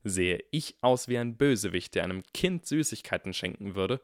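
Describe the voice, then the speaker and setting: A man's voice: on the low side, expressive, moderate pace, dry recording, studio quality, lightly acted. A man voicing a clever, cheeky young schoolboy with a wry, theatrical way of talking in a storybook reading.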